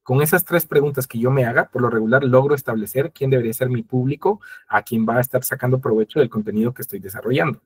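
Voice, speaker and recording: A man leading an online training session, talking at a brisk clip. His voice has a husky, slightly rough edge. He explains each step directly to his viewers and slips into quoted dialogue to make his points. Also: mid-range voice. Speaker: webinar presenter. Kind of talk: instructional webinar talk.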